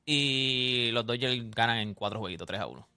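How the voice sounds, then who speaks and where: A man's voice: medium pitch, normal speed, bright, forceful tone, smooth. A man on a sports radio panel, giving picks in a laid-back, matter-of-fact way. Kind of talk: sports talk radio banter.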